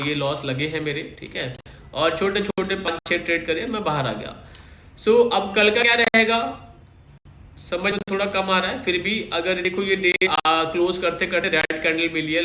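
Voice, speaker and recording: A man's voice: fairly high pitch, bright, forceful tone, a little hiss or hum. A man hosting his own trading channel, casually walking viewers through the day's chart and explaining as he goes, often checking in with them. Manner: explanatory, keeps checking in with listeners. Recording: echoey room.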